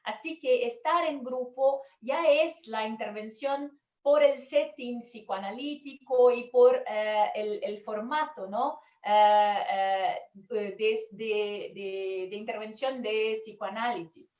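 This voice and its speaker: Over a video call, a Brazilian woman whose native language is Portuguese gives an online conference lecture in careful, hesitant Spanish as a second language. Her voice is on the high side and slow, and the audio is reverberant with the highs cut off.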